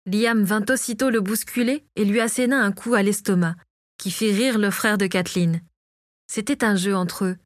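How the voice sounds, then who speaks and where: A woman reads a storybook chapter aloud, calm and even, at a middling pitch. The recording is dry and close, with no room sound. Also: normal speed, no room sound. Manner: reads all characters herself, lightly varying her voice. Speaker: audiobook narrator. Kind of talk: scripted storybook narration.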